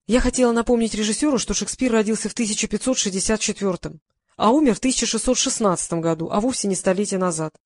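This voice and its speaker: A woman's voice: mid-range voice, fast, darkish tone, no room sound. Woman reading an audiobook, dry sound. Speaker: audiobook narrator. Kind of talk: first-person audiobook narration.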